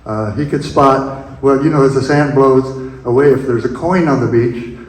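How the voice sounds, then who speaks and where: An older man reminisces about his youth, pausing, restarting and chuckling softly. His mid-range voice sits in a roomy, echoing museum space. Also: mid-range voice. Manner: rambling, halting storyteller with chuckles. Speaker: invited speaker. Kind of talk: telling personal memories at an event. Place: room at a museum event.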